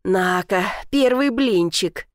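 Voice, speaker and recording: A woman's voice: mid-range voice, expressive, slow pace, dry recording, studio quality. A woman voicing a teasing, doting old village grandmother who talks in a folksy, sly way.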